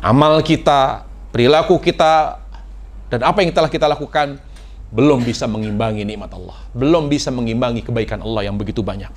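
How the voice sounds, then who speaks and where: A man preaching a sermon to a congregation, dramatic, swinging between loud exclamations and hushed, near-whispered lines. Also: mid-range voice, brisk.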